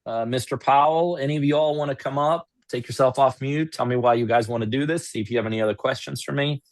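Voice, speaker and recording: A man's voice: medium pitch, fast, no room sound. Chatty man hosting a webinar. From Russia. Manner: rambling, self-deprecating, laughs often. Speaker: webinar host. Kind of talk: casual webinar chat. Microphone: video call.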